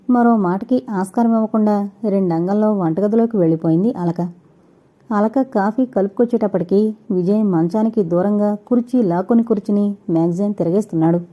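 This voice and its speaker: A woman narrating a novel in a steady, measured storytelling manner. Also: mid-range voice. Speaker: audiobook narrator. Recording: dull lo-fi recording.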